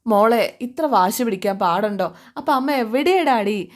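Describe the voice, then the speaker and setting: A woman's voice: fairly high pitch, expressive, a little slow. Woman doing a remorseful young husband. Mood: coaxing.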